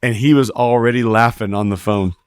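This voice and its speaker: A man on a podcast tells his stories in a loose, animated way, acting out what others said in their voices. His pitch sits in the ordinary middle, and the sound is dry and close with no room around it. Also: fairly quick, clear, resonant tone, dry recording. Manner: animated retelling, acting out quoted talk; frequent laughter, restarts. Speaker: podcast guest, rodeo heeler. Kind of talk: casual storytelling in a podcast interview.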